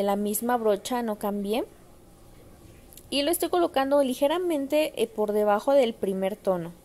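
A young woman talks her viewers through a makeup look in a chatty, easygoing voice-over. Her voice sits fairly high, and she fills her pauses with small hesitation sounds. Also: a little mellow. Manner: chatty, addresses viewers as girls, many fillers. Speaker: makeup vlogger.

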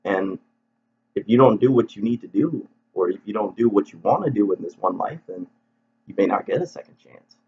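Earnest husky man, halting vlog talk. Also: lowish voice, expressive. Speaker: video creator. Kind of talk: reflective vlog monologue. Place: at home. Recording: dull lo-fi recording.

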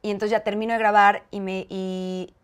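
A woman with a Mexican accent, a guest in an interview, tells a personal story in a smooth, medium-pitched voice at normal speed. She's animated, acting out the quoted dialogue as she storytells conversationally.

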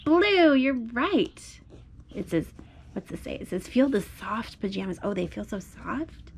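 At home on a blanket, a woman reads a picture book aloud to a small child, encouraging and sing-song, with simple repeated phrases. Her voice is a little high and creaky, very animated, at a measured pace. There's slight background noise.

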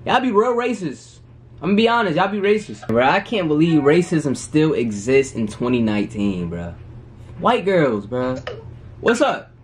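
Brash young man, lively teasing banter. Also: on the high side, moderate pace. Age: 20s. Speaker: vlogger chatting with strangers on a video app. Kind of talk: casual video chat. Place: small room indoors.

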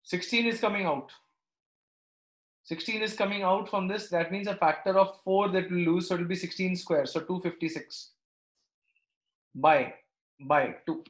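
A man's voice: high-pitched, normal speed, long pauses. A man teaching maths live, working through steps aloud and checking understanding with short questions. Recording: echoey, roomy sound.

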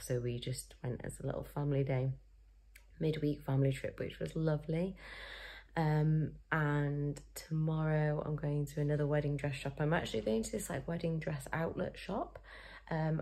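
A woman's voice: deep voice, gravelly, a little mellow. A young woman chatting to camera in her vlog, rambling with lots of fillers and side notes. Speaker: vlogger.

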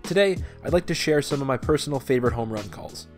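A man's voice: medium pitch, lively intonation, fast, soft background music. A man hosting and narrating a sports video from a script. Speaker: video host and baseball fan narrator.

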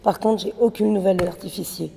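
A woman playing a gravelly stressed assistant director. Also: medium pitch, fairly even intonation, quick pace, warm tone, long reverb tail, slight background noise. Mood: worried. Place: large warehouse film set.

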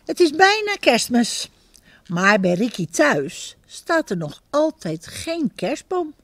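A woman reads a picture book to young children in a high, sing-song voice, stopping to ask them questions. Her pitch rises and falls a lot as she tells the story. The recording is close and dry. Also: takes it slowly, dry recording. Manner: expressive, addresses the children directly.

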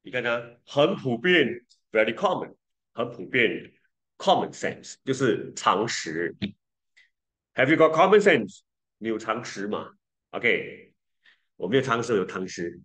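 A man's voice: lowish voice, lively intonation, unhurried, a bit bright. A man teaching an English lesson in a playful way, switching between languages and repeating words for learners to copy.

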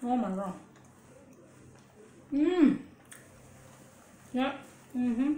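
Brief: woman host, eating-show chat, unhurried and a bit high, echoey home room with faint hum. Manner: slow, relaxed, murmurs and hums while eating. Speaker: mukbang host. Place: home, indoors.

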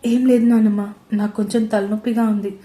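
A woman's voice: mid-range voice, level tone, a little fast, mellow, close to an everyday voice. A woman voicing a hurt, sulky young woman who speaks sharply and tearfully, in a roomy-sounding recording. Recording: roomy echo.

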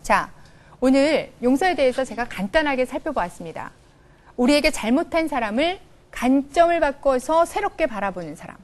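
Animated woman giving a coaching lecture. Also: high-pitched, moderate pace. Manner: animated, acts out little dialogues in changing voices. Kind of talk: televised lecture. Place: studio with a live audience.

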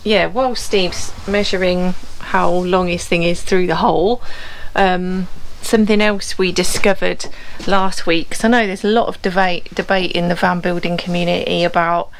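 A woman's voice: fairly low pitch, steady tone, moderate pace, few pauses, a little hiss or hum, poor audio. A woman in her forties with an English accent, chatting casually and laughing at herself while working on a van. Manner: chatty and self-mocking, laughs often. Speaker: vlogger, van converter. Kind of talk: casual vlog chat. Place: inside a van on a driveway and outdoors beside a house.

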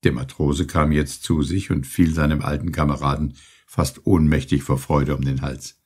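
A man narrating an audiobook in a scripted, expressive storytelling style. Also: rumbling low, normal speed, breathy edge.

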